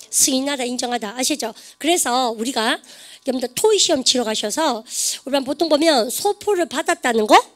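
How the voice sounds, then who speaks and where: A woman teaching an online English grammar lesson, quizzing her students with quick questions. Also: high-pitched.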